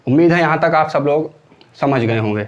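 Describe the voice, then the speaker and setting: A man's voice: on the high side, fairly quick, dull audio, soft background music. A man teaching an exam-prep grammar lesson. He explains step by step and repeats each syllable aloud for students to copy.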